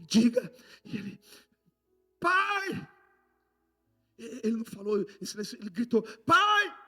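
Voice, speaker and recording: An apostle with a Brazilian Portuguese accent preaches a sermon passionately, swinging between loud outbursts and hushed lines. His voice is high, with a breathy edge.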